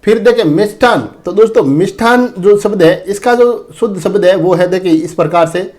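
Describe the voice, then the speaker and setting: A man teaching exam prep in a fairly high voice. He goes through each point slowly and repeats himself, calling the viewers friends and brother. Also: darkish tone. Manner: repetitive, addresses viewers as friends and brother, often says "dekhen". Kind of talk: exam-prep lesson on Hindi spelling.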